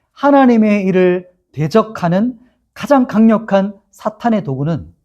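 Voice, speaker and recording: A male pastor with a high, husky voice teaches an animated Bible lesson. He asks his listeners questions and reads scripture aloud together with them.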